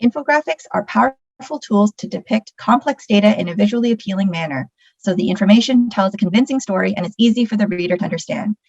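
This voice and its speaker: A woman's voice: medium pitch, fast talker, creaky, darkish tone, dry recording, lo-fi sound. A woman reading a scripted presentation as one of its presenters.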